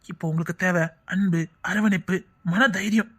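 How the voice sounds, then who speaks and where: A woman playing a calm woman doctor who talks slowly and reassuringly to a patient. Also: medium pitch, slightly rough. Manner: slow, soothing, reassuring.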